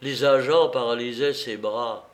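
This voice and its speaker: A man narrating a novel in a measured, expressive storytelling voice. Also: medium pitch. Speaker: audiobook narrator.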